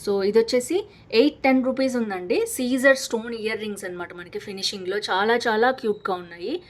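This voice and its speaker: Fast-talking chatty Telugu woman vlogger. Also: mid-range voice, fairly even intonation. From Hyderabad, India. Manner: chatty, enthusiastic, mixes English words into Telugu. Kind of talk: casual product unboxing vlog.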